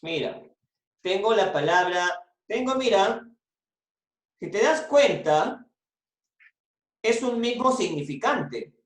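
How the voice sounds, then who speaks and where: A teacher leading an online class over a video call, speaking slowly and deliberately while coaxing answers from the students. The voice sits at an ordinary pitch. The sound is roomy, with a clear echo around it. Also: animated. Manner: patient, repeats and prompts students.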